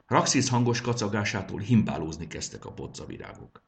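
A man reading a fantasy storybook aloud in a deep, gravelly voice. His delivery is lively and expressive, rising and falling with the tale. It is steady audiobook narration.

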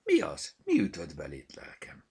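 Man playing a fussy old granny in a storybook, mumbly, kinda husky, raised voice. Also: a bass voice, wildly swooping pitch, full character voice. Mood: gentle. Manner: mumbling, fretful. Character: fussy, absent-minded kindly old grandmother.

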